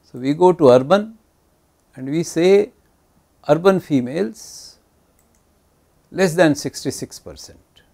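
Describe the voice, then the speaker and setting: A man's voice: fairly high pitch, expressive, slow pace, gravelly, pauses often, warm tone. A man in his sixties with an Indian accent lecturing conversationally in a mix of Hindi and English, posing questions and answering them himself. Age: 60s. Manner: mixes Hindi phrases into English. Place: small indoor studio. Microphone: lapel mic.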